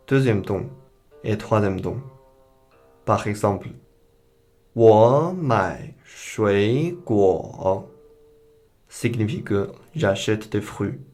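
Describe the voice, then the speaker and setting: Slow, low-voiced male language teacher. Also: a little mellow. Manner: slow, careful explanation with modeled pronunciation. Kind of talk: beginner language lesson.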